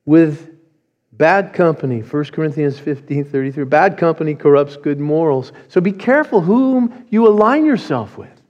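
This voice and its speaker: A man preaching a sermon, reading scripture slowly and deliberately. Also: on the high side, animated, in a large hall, muffled recording. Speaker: pastor.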